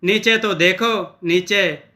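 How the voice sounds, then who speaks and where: A man's voice: high voice, slow, bright, forceful tone, full character voice. A man voicing a small rat-like creature, a cheeky, folksy helper who cooks in secret.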